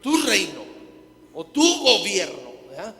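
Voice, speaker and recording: High bright preacher guy in a church hall with a long echo, keeps asking the crowd stuff. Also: wildly swooping pitch. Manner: quizzes the audience with quick questions. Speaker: guest preacher. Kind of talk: sermon with jokes to a congregation.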